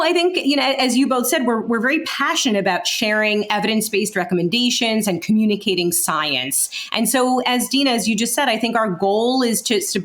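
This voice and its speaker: An American woman in her thirties from Brooklyn, hosting a podcast in a chatty, upbeat style. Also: mid-range voice. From Brooklyn, New York. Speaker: podcast host, public health scientist.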